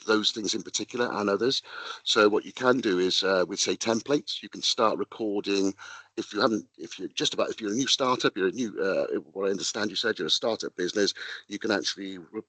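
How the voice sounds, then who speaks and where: A man's voice: fairly low pitch, bright, forceful tone, no room sound, low-quality recording. A man, a webinar presenter on a video call, explaining at length with frequent restarts.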